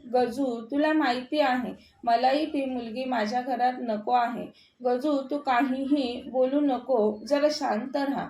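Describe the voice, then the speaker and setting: Woman doing scheming proud mother, scornful, controlling, mellow tone, echoey room. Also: high-pitched, steady tone, unhurried. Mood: soothing. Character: scheming middle-aged mother, proud and cold.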